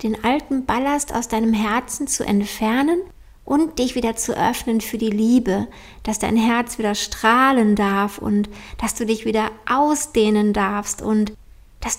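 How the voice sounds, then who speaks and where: A woman with a slightly high voice gives a personal introduction to a meditation. She speaks as a coach, gently and encouragingly, straight to the listener. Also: measured pace.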